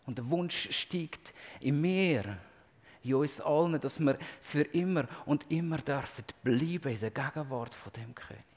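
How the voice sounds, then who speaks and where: A man preaching a sermon. He reads scripture with passion, rising to loud emphasis and sinking to near-whispers. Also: on the high side, lively intonation, a little slow. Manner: impassioned, swelling to loud emphasis then dropping to near-whispers. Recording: long hall reverb.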